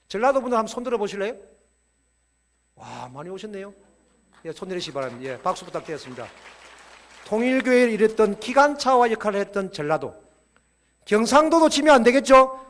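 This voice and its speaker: Animated high-pitched male preacher. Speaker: church lecturer on evangelism. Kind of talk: lively sermon-style lecture. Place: church hall with audience.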